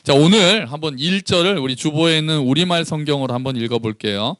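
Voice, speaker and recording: A man's voice: a little high, fairly quick, a bit bright, no room sound, clean studio sound. A man, a pastor, preaching a conversational sermon and acting out dialogue between the characters.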